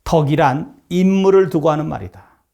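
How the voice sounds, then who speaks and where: A man's voice: fairly high pitch, moderate pace, gravelly, a little mellow. A middle-aged man lecturing as a professor, retelling a historical story and acting out its characters' lines.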